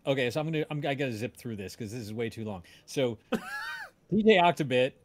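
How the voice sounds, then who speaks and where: A podcast creator who also makes voice dramas tells stories casually on a livestream, his mid-range voice swooping wildly in pitch. He rambles, hesitates and cuts himself off often, with background noise in the mix.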